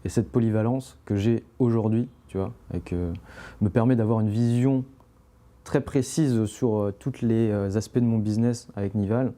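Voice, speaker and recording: A man's voice: on the low side, normal speed, mellow. A young man, a podcast guest, talking casually and rambling with many fillers and restarts. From France. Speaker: interview guest, climbing brand founder.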